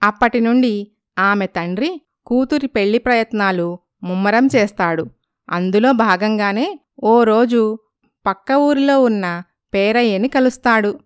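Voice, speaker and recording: Brief: woman storybook narrator, smooth resonant voice, dry close recording. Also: fairly high pitch, a little slow, pauses often, no echo.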